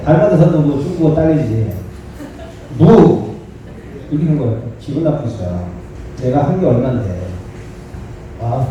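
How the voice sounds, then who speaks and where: A man's voice: medium pitch, mellow, distant mic, a little hiss or hum. A man giving a sermon as a monk. He talks in a conversational way, acts out quoted dialogue and puts questions to the audience. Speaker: monk giving a dharma talk. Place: temple dharma hall. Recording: echoey hall, voice from off the mic.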